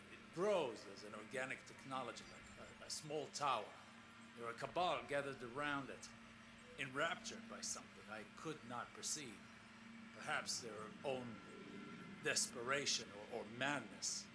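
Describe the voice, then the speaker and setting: A man performs the part of a scholarly, solemn explorer dictating a log for a science fiction video game, speaking at medium pitch in a natural voice. Uneasy and haunted, weary and troubled, he selects formal words with slow gravity and lets brooding pauses hang. Clear background noise is audible throughout.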